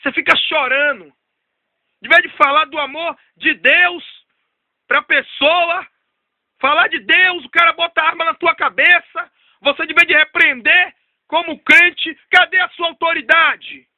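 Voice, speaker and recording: Man, preacher, sermon storytelling, repeats phrases, very high voice, dry sound. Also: fairly even intonation, a little slow, no room sound, narrow, tinny audio. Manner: repetitive storytelling preaching, dropping low for emphasis.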